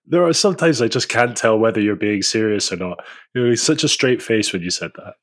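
A man casually chatting on a podcast, teasing the others and quick to laugh. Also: on the low side, animated. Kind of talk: casual chat.

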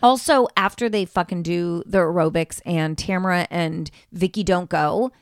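A middle-aged woman co-hosting a casual chat, animated and quick to swear and mimic others. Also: on the low side, smooth, dry recording, clean studio sound. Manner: animated, swears freely, mimics people she discusses. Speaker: podcast co-host.

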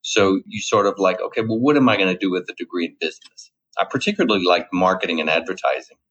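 A man's voice: deep voice, fast talker, fairly bright tone, slightly rough. A middle-aged man from Louisiana with a Cajun accent, a guest chatting casually, rambling and repeating his words. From Louisiana, USA. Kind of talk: casual interview talk. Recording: dull lo-fi sound.

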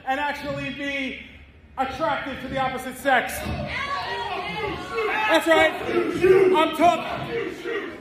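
A man's voice: very high voice, steady tone, slow, long pauses. A man cutting an arrogant wrestling promo, boasting and taunting a live audience at an indoor event. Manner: boastful, shouting, taunting the crowd. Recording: echoey venue, loud crowd noise.

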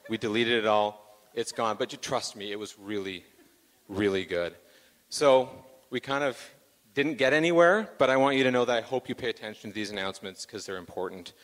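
A man's voice: fairly low pitch, brisk, fairly bright tone. Man announcing in a reverberant church. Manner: joking, self-deprecating, many fillers. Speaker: church host doing announcements. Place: church sanctuary.

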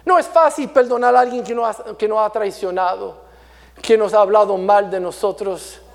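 A man preaching a sermon, earnest and repeating words as he restarts, his delivery moving between raised and hushed passages. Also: high voice, steady tone, moderate pace.

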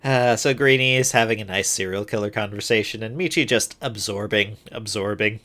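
A man's voice: lowish voice, brisk, sharp tone. A man co-hosting a casual chat, giving wry, sarcastic summaries of a TV episode with many filler words. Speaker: podcast co-host.

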